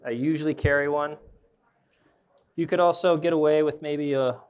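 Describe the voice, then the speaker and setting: A man's voice: on the high side, fairly even intonation, moderate pace, clean tone. A young man, an arborist trainer, giving a casual live demonstration at an indoor trade show booth and thinking aloud as he handles his gear.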